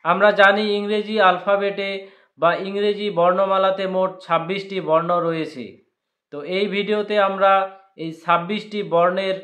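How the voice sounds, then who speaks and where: A man teaching English letter pronunciation in a slow, patient way, repeating each letter. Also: high voice, a bit bright. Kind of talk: slow spoken lesson.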